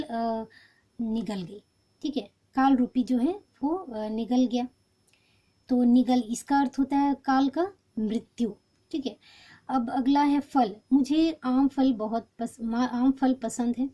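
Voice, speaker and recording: A woman teacher explaining a textbook lesson patiently, pausing often with fillers and restarts. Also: high voice, mellow, muffled recording.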